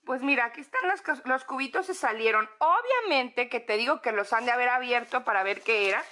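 A young Mexican woman with a Mexican accent, gushing excitedly in a casual home vlog from her apartment. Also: fairly high pitch. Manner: excitable, gushing, drawn-out words. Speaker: vlogger.

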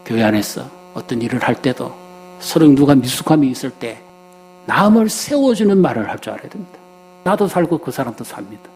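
A man's voice: medium pitch, lively intonation, a little fast, a little mellow, slight background noise. A man preaching a sermon as pastor, telling stories and acting out the people in them. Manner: storytelling, acting out quoted people.

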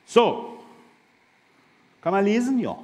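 A man's voice: high voice, big pitch swings, takes it slowly, a little mellow, a little hiss or hum. A man giving a humorous conference talk, telling a joke while folding paper, in a large lecture hall. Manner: jokey storyteller. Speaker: conference speaker.

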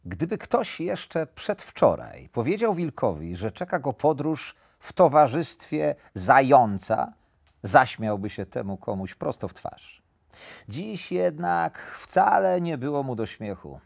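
A man narrating a children's storybook expressively, playful, with dramatic drops to a hush. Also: mid-range voice, sing-song, slow pace, creaky, no room sound, clean studio sound.

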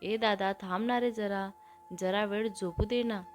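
A woman's voice: medium pitch, fairly even intonation, a little slow, faint music behind, close to an everyday voice. A woman voicing a sleepy, cheeky young man bantering with his elder brother in a storybook reading.

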